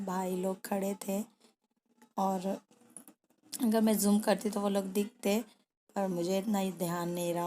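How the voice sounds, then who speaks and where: A young woman narrating her own vlog in a soft, quiet, subdued voice, grieving and tearful at times. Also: medium pitch, creaky, a little hiss or hum. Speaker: vlogger. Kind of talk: personal vlog voice-over.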